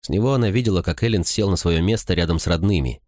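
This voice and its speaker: Deep-voiced male audiobook narrator. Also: quick pace, no echo, clean studio sound. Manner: expressive storytelling. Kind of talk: scripted narration.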